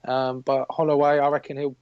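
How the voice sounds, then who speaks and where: British male guest, halting delivery, muffled dry remote line. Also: medium pitch, flat delivery, clear, resonant tone, no room sound. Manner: hesitant, repeats words. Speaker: guest referee. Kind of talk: casual chat over a call.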